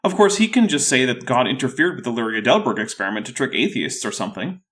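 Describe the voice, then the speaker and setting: A man's voice: medium pitch, very animated, quick pace, a bit bright. A man with a thick, sore-throated voice hosting a scripted rebuttal video in a dry, skeptical way. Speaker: YouTube host.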